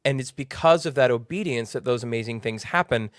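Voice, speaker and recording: A man hosts a podcast interview at a medium pitch. He speaks with eager, effusive enthusiasm and animated emphasis, and his voice sounds dry and close. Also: a little fast, dry recording. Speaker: podcast host. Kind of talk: faith-based podcast interview.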